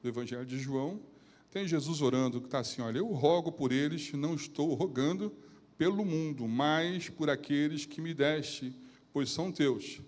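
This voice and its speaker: A man preaching a sermon, retelling Bible scenes in a casual modern way and swinging from quiet talk to loud peaks. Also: a little high, normal speed. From Brazil. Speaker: pastor. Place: church sanctuary. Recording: long reverb of a church hall.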